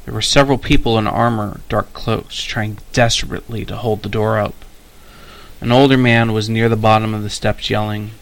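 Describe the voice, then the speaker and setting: A man's voice: on the low side, fairly even intonation, normal speed, creaky. A man reading an adventure story aloud in an unpolished way, with slips and restarts. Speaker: amateur story reader.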